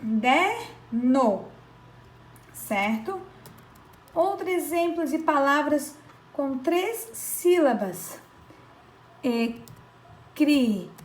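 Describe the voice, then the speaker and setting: A woman's voice: high-pitched, lively intonation. Patient teacher, woman, roomy sound. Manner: slow, patient, stretches out syllables, checks in with "certo?". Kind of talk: children's grammar lesson.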